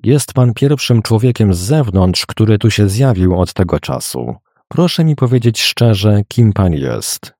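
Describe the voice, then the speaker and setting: A man voicing a young woman in an audiobook, brisk and cheerful but a little evasive. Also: fairly low pitch, sing-song, darkish tone, no echo, studio quality, heavily acted. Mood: guarded. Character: young woman driving a carriage, teasing and guarded.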